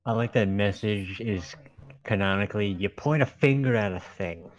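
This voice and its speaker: A man with a slightly low voice plays a tabletop game, talking casually in and out of character. The microphone sounds dull and lo-fi. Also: moderate pace. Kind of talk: casual role-play chat.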